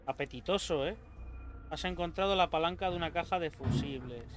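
A man commenting on a horror game, joking, swearing often and shouting when scared. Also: a little high, a little fast. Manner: swears a lot, jokey, yells when scared. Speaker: gaming youtuber. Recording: game music behind the voice.

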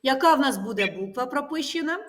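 A woman with a high-pitched voice leads a primary school lesson. She poses question after question and patiently confirms each answer by repeating it. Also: expressive, fast talker. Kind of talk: classroom lesson. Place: classroom.

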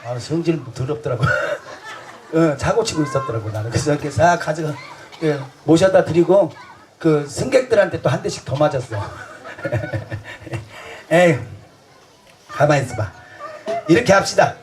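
Rowdy high-voiced man joking onstage. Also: lively intonation, a little slow, long pauses, a little hiss or hum. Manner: boisterous, bantering with the audience, crude jokes; laughs through his lines. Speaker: street comedy performer. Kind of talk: festival stage comedy show.

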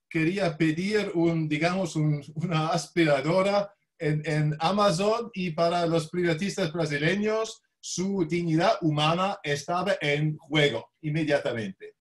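A man who is not a native Spanish speaker gives an academic talk with a foreign accent, halting and often searching for words. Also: on the high side. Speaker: law professor, visiting lecturer.

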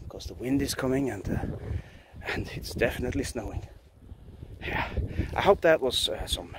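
A man's voice: medium pitch, heavy background noise. Norwegian man talking earnestly outdoors. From Norway. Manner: earnest, emphatic, with frequent restarts. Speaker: vlogger. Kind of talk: casual philosophical monologue. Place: outdoors in a pine forest. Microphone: phone at arm's length.

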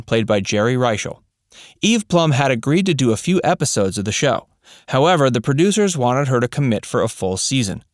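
A man narrating a scripted voice-over, reading facts in an even, read-out way. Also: medium pitch, no room sound, clean studio sound.

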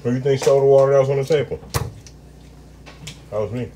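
A man's voice: medium pitch, fairly even intonation, fast talker, background noise. A man streaming live as he cooks and eats, chatting playfully with viewers and humming over his food. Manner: playful, talks to chat, hums while eating. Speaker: home cook streaming live. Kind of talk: casual live-stream chat. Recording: kitchen clatter of dishes and cutlery. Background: clinking dishes, pots and pans.

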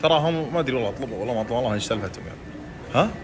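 A young man talks at a breakneck pace in a loud, teasing comedy bit, piling on oaths. His pitch swings widely from line to line. Restaurant noise hums behind him throughout. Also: animated, rapid-fire. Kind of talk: comedic street banter.

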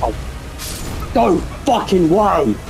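A man's voice: high voice, big pitch swings, slow, creaky, music in the background, low-quality recording. A young man giving let's play commentary, swearing constantly and raging at the game. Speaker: gamer.

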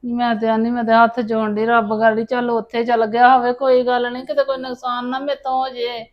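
A woman's voice: a little high, little pitch movement, brisk, lo-fi sound, natural voice. A woman playing an anxious grandmother lamenting her missing grandson in a family drama. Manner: fretful, lamenting.

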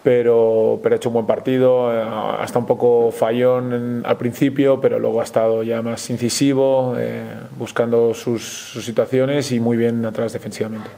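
Spanish male coach at a presser, flat delivery, mellow and warm, hesitant. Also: medium pitch, gravelly. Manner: measured, frequent hesitations and restarts. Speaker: basketball coach. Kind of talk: post-game press conference.

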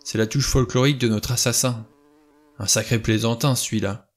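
A man reading a novel aloud, voicing a hardened adventurer who speaks fiercely, his voice shaky and close to shrill. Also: fairly even intonation, normal speed, lightly acted.

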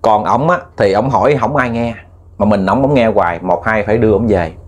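A man's voice: on the low side, fairly quick. A man with a Southern Vietnamese accent telling a ghost story in a chatty, repetitive way, addressing listeners as family. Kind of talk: casual spoken storytelling.

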